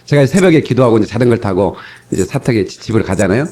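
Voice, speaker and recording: A man's voice: fairly low pitch, quick pace. A middle-aged male pastor preaching a sermon from an old cassette tape recording, telling stories and asking the congregation questions. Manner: animated storytelling with rhetorical questions to the congregation. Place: church sanctuary.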